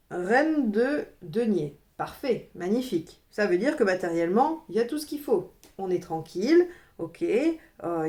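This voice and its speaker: A woman's voice: mid-range voice, warm tone. A woman giving a casual tarot reading, talking straight to her viewers with frequent little asides. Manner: chatty, addresses viewers directly, frequent "hein" asides. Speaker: tarot reader.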